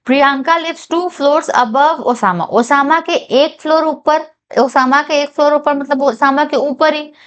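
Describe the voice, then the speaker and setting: A woman teaching a whiteboard reasoning lesson, reading each English statement slowly and carefully and checking in with her viewers. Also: sits high, muffled recording. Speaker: reasoning tutor for bank exams.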